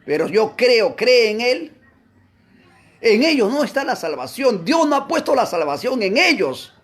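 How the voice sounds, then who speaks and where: A man teaching a Bible class, preaching emphatically with rhetorical questions to his listeners, swinging between loud exclamations and low asides. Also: sing-song, unhurried, husky.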